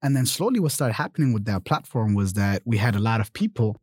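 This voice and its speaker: A young man from Germany talks through his own story in a relaxed interview, with a lowish voice and dry, close sound. He is animated, checking in with "right?" and "you know" as he goes. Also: quick pace, slightly rough, no room sound. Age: 20s. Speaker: guest. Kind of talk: casual interview conversation.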